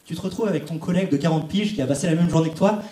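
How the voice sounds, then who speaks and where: A man's voice: a little high, very fast, mellow. A young man doing a stand-up comedy set on a theatre stage, chatting straight to the audience. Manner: chatty, addresses the audience directly. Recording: echoey theatre.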